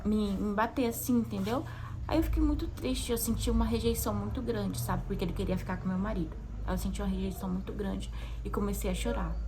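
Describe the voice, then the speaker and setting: A woman's voice: medium pitch, darkish tone, a little hiss or hum, low-quality recording. A young adult woman with a Brazilian Portuguese accent, a mother sharing a personal testimony in a chatty, heartfelt way with frequent tag questions. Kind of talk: casual confessional monologue.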